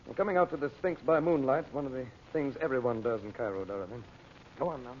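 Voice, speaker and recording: A man plays a commanding American magician, protective of his family and quick to give orders. His delivery is classic radio adventure acting, medium in pitch. The old recording is dull and faintly noisy. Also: close to an everyday voice. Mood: firm, urgent. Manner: brisk, authoritative.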